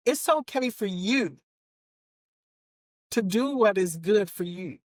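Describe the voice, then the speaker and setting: A woman's voice: mid-range voice, expressive, slow, no room sound. A woman in her fifties hosting a talk show, speaking with earnest emphasis and often checking in with "right?" and "okay?". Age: 50s. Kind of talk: casual chat.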